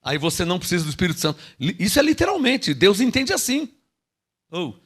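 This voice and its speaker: A man preaches with a fairly high, highly animated voice that climbs and drops across each phrase. He stretches out key words, then suddenly lowers to a near murmur before calling out to his listeners again. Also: fast, husky. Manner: preaches with dramatic swings from loud calls to hushed low asides, drawing words out; checks in with the listeners, calling out "alô?" and "irmão". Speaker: pastor. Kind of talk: sermon.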